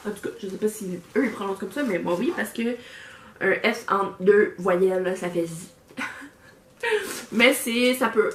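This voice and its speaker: A woman with a Québécois French accent chatting casually through an unboxing, rambling with lots of fillers and restarts, recorded on a camera mic. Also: on the high side. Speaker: vlogger reviewing a subscription box. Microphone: camera microphone. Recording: echoey room with faint background noise.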